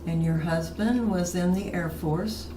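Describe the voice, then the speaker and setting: Conducting an oral history interview, a fellow resident at a retirement community asks her neighbor friendly questions to keep things going. She's an older woman whose voice is on the low side and unhurried, picked up by a distant mic in a roomy space with background noise.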